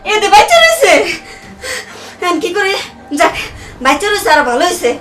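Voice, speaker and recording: A woman acting as a scheming, quick-tempered stepmother, very high and bright, fretting to herself and snapping back defensively. She sounds a little away from the mic in an echoey room, with music underneath. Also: big pitch swings, distant mic, heavily acted. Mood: fretful. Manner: fretful muttering to herself, then loud and defensive. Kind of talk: amateur short-film acting.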